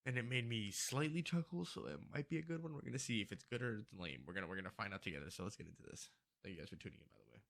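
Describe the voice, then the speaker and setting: A man's voice: fairly low pitch, racing, gravelly, a bit bright. A man hosting a reaction video in casual, laid-back chat, swearing often and laughing at himself.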